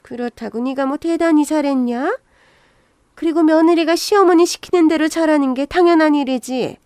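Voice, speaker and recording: Woman doing a high-pitched, scornful older mother-in-law for an audio story, bossy and nagging. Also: moderate pace, darkish tone, dry recording, studio quality, close to an everyday voice. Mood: scolding. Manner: harsh, nagging, contemptuous.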